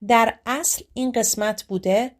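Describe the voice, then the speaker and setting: A woman with a Persian accent teaching an English grammar lesson, explaining quickly and reading English examples slowly and clearly. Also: on the high side.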